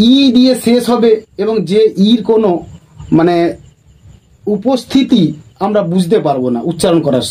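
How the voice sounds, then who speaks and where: Man, grammar teacher, fairly high voice, board lesson, slow careful English definitions. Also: warm tone, poor audio. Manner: explains in Bengali, mixing slow English definitions; calls the viewers "friends".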